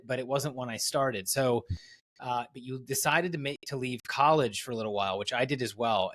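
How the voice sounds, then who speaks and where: A man hosting a casual podcast interview in a middle-pitched voice. He talks with eager enthusiasm and often restarts his sentences as he rambles toward his questions. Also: fairly bright tone. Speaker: podcast host and coach.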